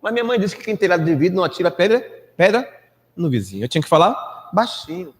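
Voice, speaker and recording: A Brazilian man in his fifties giving a storytelling lecture to a live audience, acting out quoted people and dropping to a hush at times. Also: very animated, quick pace, slightly rough. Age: 50s. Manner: anecdotal, acts out quoted people with big pitch swings, drops to a hush. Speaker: spiritist lecturer. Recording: echoey hall reverb.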